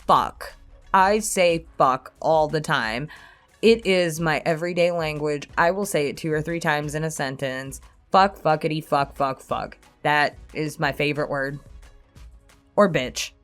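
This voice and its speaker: Soft music plays behind a woman with a low voice who speaks a little slowly. She's an online creator casually answering subscriber questions, candid about herself, self-deprecating, and quick to swear.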